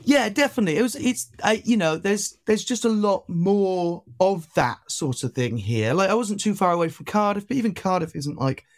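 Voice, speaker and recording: A Welsh man in his twenties, an activist appearing as an interview guest, talks in a high-pitched voice with lively intonation and a slight Welsh accent. He rambles at a moderate pace with hardly any pauses, full of fillers and restarts, in casual interview chat.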